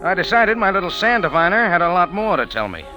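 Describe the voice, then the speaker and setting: Fast-talking and high-pitched, this man swings widely in pitch as he voices the lead and narrator of an old radio drama. He plays a wry, tough American cafe owner turned sleuth, recounting events in a punchy hardboiled manner while staying wry and watchful. Background music runs beneath the recording.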